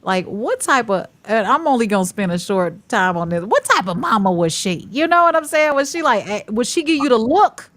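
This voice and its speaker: A woman's voice: mid-range voice, very animated, normal speed, few pauses, a bit bright. A woman hosting a talk show, chatting effusively with rambling, enthusiastic questions. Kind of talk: casual interview chat.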